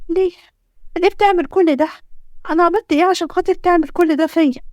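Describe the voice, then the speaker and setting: Woman doing a high-strung young student bride, Egyptian accent. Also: racing, darkish tone, dry recording, studio quality, close to an everyday voice. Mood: upset. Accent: Egyptian Arabic. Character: young female university student, tearful and defiant.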